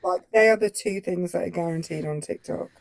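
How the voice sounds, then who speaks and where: A woman's voice: on the low side, fairly quick, gravelly. A woman co-hosting a live stream, making dry, wry remarks in casual chat. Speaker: co-host.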